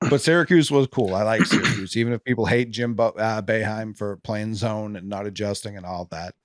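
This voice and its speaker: A man with a Boston accent hosts a casual sports podcast, talking fast and animated, swearing freely and restarting his sentences. His voice sits at a middling pitch. The sound is close and dry, with no room echo. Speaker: podcast host.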